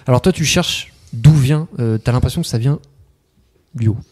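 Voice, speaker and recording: A man's voice: medium pitch, normal speed, darkish tone, breathy edge. A man improvising narration as the game master of a tabletop role-playing game, hesitant and often correcting himself as he describes scenes. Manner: hesitant, self-correcting, piecing descriptions together.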